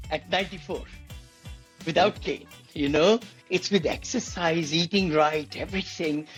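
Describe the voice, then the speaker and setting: A man in his seventies, co-hosting a casual podcast chat, enthusiastic and repeating words for emphasis. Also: high-pitched. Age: 70s. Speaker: co-host.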